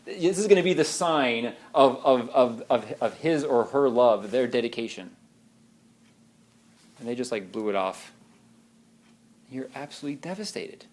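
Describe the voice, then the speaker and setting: A man giving an informal religious talk, animated and given to restarts, acting out the voices he quotes. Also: mid-range voice, measured pace.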